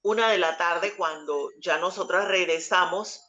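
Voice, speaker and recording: A woman's voice: on the low side, a little slow, fairly bright tone, muffled recording. A woman giving an earnest personal faith testimony, telling the story with small hesitations as she goes. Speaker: testimony speaker.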